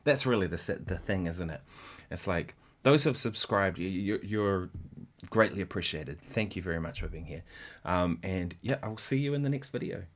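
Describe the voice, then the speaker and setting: A man hosting a casual guitar livestream, rambling in a halting way with many restarts and sometimes counting rhythms aloud. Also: low voice, lively intonation.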